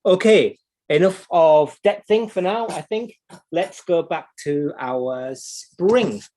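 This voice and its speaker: A man's voice: on the high side, lively intonation, takes it slowly, darkish tone. A man with a British accent gives an unscripted, hands-on repair demonstration, explaining as he goes and thinking aloud. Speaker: clock repair instructor and livestream host.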